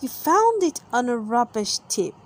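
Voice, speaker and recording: A woman's voice: fairly high pitch, very animated, unhurried, slight background noise. A woman voicing a sensible, teasing mother pig in a children's storybook, matter-of-fact. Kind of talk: children's storybook read-aloud.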